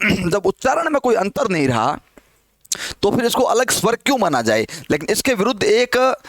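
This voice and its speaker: Male Hindi teacher, high-pitched, dry close recording, asks and answers his own questions, drills pronunciation. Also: a bit bright, no echo. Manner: asks the class questions and answers them himself; repeats words slowly to model pronunciation. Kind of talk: classroom grammar lesson.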